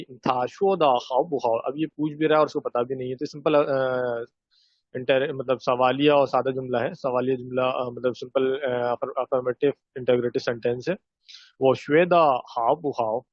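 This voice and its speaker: A man teaching a recorded Chinese lesson, explaining sentences step by step and repeating Chinese phrases slowly. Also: mid-range voice, no echo. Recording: dull, dry lo-fi recording.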